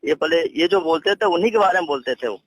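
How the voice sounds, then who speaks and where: Over a phone call, a middle-aged man who is a senior police official argues heatedly, scolding, interrupting, and stammering as he repeats his words. His voice is a little high and quick, with lively intonation and no echo.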